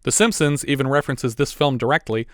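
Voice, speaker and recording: A man's voice: medium pitch, fast talker, dry recording, studio quality. A man co-hosting a podcast, casually recapping a movie's plot with chatty asides. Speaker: podcast co-host.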